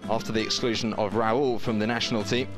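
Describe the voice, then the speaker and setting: A man narrating a scripted sports feature in a measured, informative way. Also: lowish voice, steady tone. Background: guitar music.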